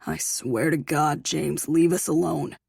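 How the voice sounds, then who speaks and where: A woman's voice: low-pitched, a little slow, creaky, dark tone, breathy edge, no room sound, clean studio sound, pitched below the performer's own voice, full character voice. A woman voicing a jealous, defensive teenage boyfriend with clipped, bitter lines.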